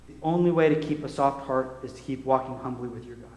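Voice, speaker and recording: A middle-aged man preaching a sermon as a pastor. He tells a lively story full of small acted asides, then leads a quiet, soft-spoken prayer. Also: medium pitch, quick pace. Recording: roomy hall with faint ambience.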